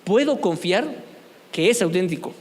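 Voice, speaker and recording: Man, church youth teacher, conversational, asks questions, high-pitched, long hall reverb. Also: expressive, unhurried. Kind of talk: church youth lesson on apologetics. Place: church meeting room.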